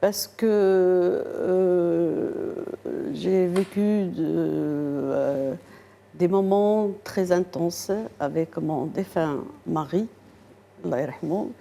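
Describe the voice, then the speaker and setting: An older woman answers interview questions in a TV studio, her voice low and mellow. She speaks very slowly and softly, pausing and hesitating often between phrases. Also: creaky. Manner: slow, soft-spoken, hesitant with many pauses. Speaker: guest poet.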